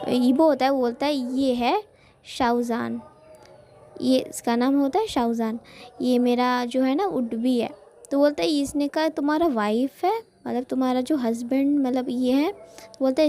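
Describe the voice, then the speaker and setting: A woman's voice: high-pitched, warm tone. A woman with an Indian accent casually retelling a fan fiction story in a chatty way, with many fillers, quoting each character in turn.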